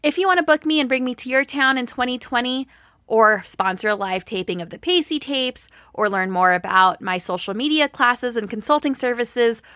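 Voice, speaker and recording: A woman's voice: on the high side, moderate pace, bright, forceful tone, dry recording, studio quality. A woman hosting a podcast, effusive and grateful, often repeating her words for emphasis as she signs off and makes announcements. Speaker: podcast host. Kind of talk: heartfelt podcast sign-off and announcements.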